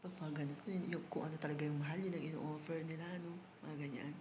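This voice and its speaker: A woman from the Philippines talks into her phone while live-streaming outdoors. Her voice sits a little low, and she is chatty and openly emotional with her viewers. A faint background hiss runs under her speech. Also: steady tone, fast talker. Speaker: livestreamer. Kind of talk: casual live-stream chat.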